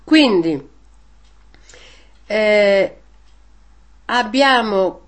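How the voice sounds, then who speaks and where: A woman's voice: medium pitch, animated, very slow. A woman giving informal religious teaching, conversational, with frequent rhetorical "eh?" tags and hesitant restarts. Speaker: catechist.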